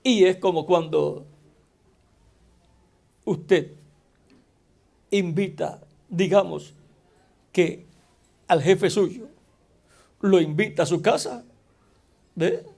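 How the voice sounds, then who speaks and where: Slow, gravelly-voiced male preacher. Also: high voice, darkish tone. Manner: slow, deliberate preaching with rhetorical questions to the congregation. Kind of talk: sermon.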